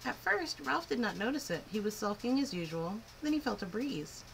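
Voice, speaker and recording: Her voice a little high and her pace moderate, a woman gives an animated reading of a picture book to children while there's noise behind her. She phrases clearly and expressively, with emphatic swoops in her delivery.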